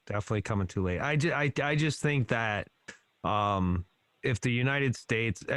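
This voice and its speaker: A man hosting a podcast, chatting in a relaxed, rambling, agreeable way. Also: mid-range voice, no room sound. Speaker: podcast host. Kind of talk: casual podcast conversation.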